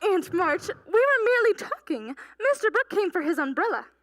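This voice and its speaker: A woman's voice: extremely high pitch, very animated, moderate pace, fairly bright tone, no room sound, exaggerated voice. A woman playing a shy but proud young woman in love in an amateur period drama, speaking in earnest, proper old-fashioned phrases. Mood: flustered, evasive.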